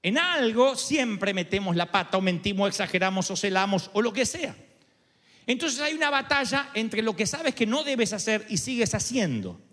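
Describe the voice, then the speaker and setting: High, animated male pastor preaching. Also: moderate pace. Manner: lively, rhetorical, asks the audience questions. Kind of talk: sermon. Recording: long hall reverb.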